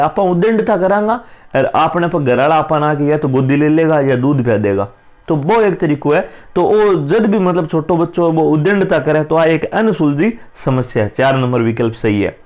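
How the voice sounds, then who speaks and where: A man's voice: a little high, darkish tone. A man teacher with a Rajasthani accent, going through exam questions in a casual, chatty way. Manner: casual, chatty, mixes dialect with Hindi. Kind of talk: exam-prep lesson, explaining answers.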